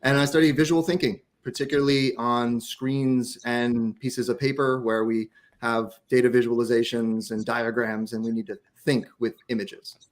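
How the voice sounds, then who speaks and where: Measured man guest researcher. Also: medium pitch, little pitch movement. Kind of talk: casual webcast interview.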